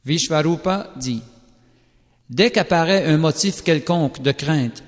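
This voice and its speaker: A man reads a sacred text aloud in a slow, solemn, carefully measured recitation. His voice sits a little higher than most men's, and a long reverb hangs after each phrase. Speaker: scripture reader. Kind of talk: scripted scripture reading. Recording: long reverberant hall sound.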